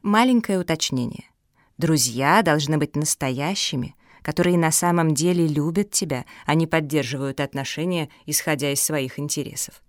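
A woman voicing a calm, wise male dog who gives grave advice in a slow, lowered voice. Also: no echo, close to an everyday voice. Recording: dry close studio sound.

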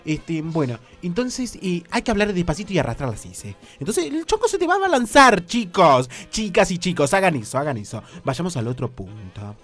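A man's voice: on the high side, big pitch swings, normal speed, hardly any pauses, a bit bright, faint music behind. A man with a Rioplatense accent hosting a comic dating-advice bit, camp and theatrical, swooping up into squeals. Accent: Rioplatense Spanish. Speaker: radio comedy host.

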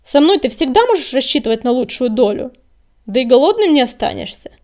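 A woman's voice: high-pitched, very animated, brisk, darkish tone. Menacing huge tomcat warrior, read by a woman, hissing threats, arrogant and vengeful.

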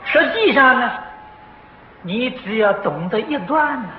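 An older man giving a slow, patient lecture on a Buddhist sutra, filling pauses with drawn-out "ah" sounds and clearing his throat now and then. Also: extremely high pitch, animated. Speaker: Buddhist teacher. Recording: dull, roomy, noisy old tape of a lecture hall.

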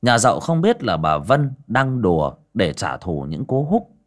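A man's voice: fairly low pitch, big pitch swings, measured pace. A man narrating a comic folk story in a colloquial, earthy way. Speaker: audiobook narrator.

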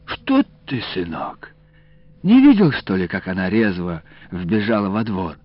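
Soft, coaxing old grandmother, as the male narrator reads her; lively rise and fall, dull recording. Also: lowish voice, unhurried, no room sound, full character voice. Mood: gentle. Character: old grandmother, gentle, caring. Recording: dull, dry lo-fi audiobook recording.

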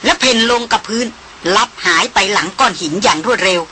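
A woman reading an audiobook novel aloud with a bright, crisp tone. Her narration is measured and descriptive, at a middle pitch, with a faint hiss behind it.

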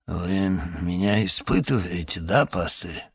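A man's voice: medium pitch, very animated, normal speed, gravelly, a bit bright, no echo, clean studio sound, full character voice. A man voicing a wary, greedy ferryman who grumbles and dodges questions, read as an audiobook. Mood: sullen. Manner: grumbling and evasive. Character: wary, greedy middle-aged ferryman, evasive liar.

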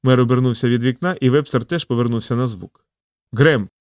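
Male audiobook narrator, mid pitch, even storytelling, dry close sound. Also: fast, clear, resonant tone, no room sound. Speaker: audiobook reader. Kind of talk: scripted narration.

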